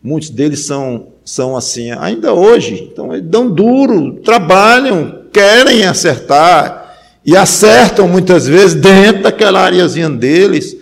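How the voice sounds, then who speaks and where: A man preaching a sermon, rising to loud emphatic peaks and dropping to low quiet stretches, often repeating words as he thinks. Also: expressive, measured pace, vocal fry. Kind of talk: sermon on Ecclesiastes.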